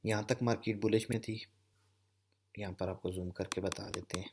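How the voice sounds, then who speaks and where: This trading instructor from Pakistan has a lowish, darkish, steady voice at a moderate pace, with a little hiss or hum. Teaching candlestick patterns over a screen recording, he explains step by step, checking in with "okay" and saying "theek hai" again and again.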